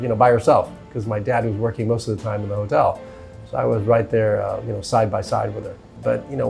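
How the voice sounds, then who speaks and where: A middle-aged hotel executive, born in Cuba and raised in Miami, walks through his career in an interview with easygoing storytelling. His voice is lowish and a little mellow, with some vocal fry, and he drops in "you know" and "uh" along the way.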